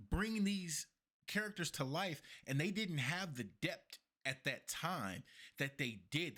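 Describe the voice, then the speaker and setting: A man's voice: on the high side, fairly bright tone. A man co-hosting a podcast in casual chat, talking emphatically and repeating himself for effect. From not from New York. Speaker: podcast co-host.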